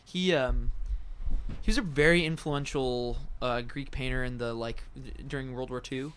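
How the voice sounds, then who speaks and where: A man's voice: mid-range voice, steady tone, normal speed, fairly bright tone, slight background noise. A man being interviewed as a band guest on a radio show, talking in a rambling, hesitant way full of ums and restarts. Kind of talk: casual radio interview chat. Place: radio studio.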